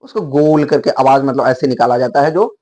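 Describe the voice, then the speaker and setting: A man's voice: medium pitch, moderate pace, mellow. A man teaching English words in a video lesson, explaining step by step and repeating words to model their pronunciation.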